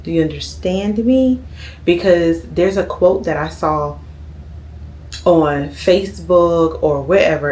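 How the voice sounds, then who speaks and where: A woman's voice: sits low, a little mellow, slight background noise. Chatty thirty-year-old woman. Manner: chatty, often adds "okay?" to her lines. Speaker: vlogger. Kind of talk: casual sit-down chat to camera.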